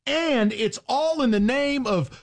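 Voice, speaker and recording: A man's voice: very high voice, measured pace, creaky. A male sports talk host ranting sarcastically with mocking jabs and heated emphasis.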